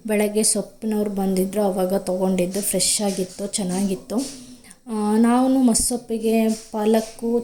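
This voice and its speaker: A woman's voice: mid-range voice, warm tone. A young woman, a homemaker and vlogger, chatting casually at home and explaining her chores as she works. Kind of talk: casual vlog narration.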